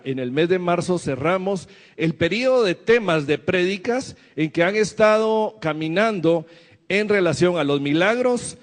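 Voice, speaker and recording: A man's voice: sits high, in a large hall. A man preaching a sermon to his church, asking the congregation questions as he goes. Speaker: pastor.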